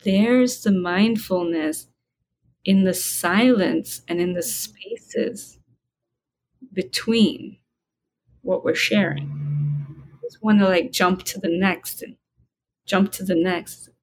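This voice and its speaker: A woman interview guest speaking about spiritual matters in a calm, reflective way, slowing down to stress her points. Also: medium pitch. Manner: calm, reflective, slows down for emphasis. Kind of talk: conversational interview.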